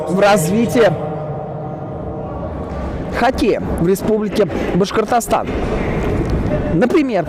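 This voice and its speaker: A man giving live ice hockey play-by-play, his delivery rising into excited exclamations on chances and saves. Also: sits high, background noise.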